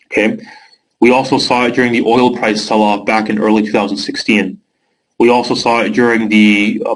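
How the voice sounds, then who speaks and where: A young Canadian man with a Canadian accent and a medium-pitched voice hosts a live trading webinar, recorded in low quality. He reads viewer questions aloud by name and answers them casually, using filler words.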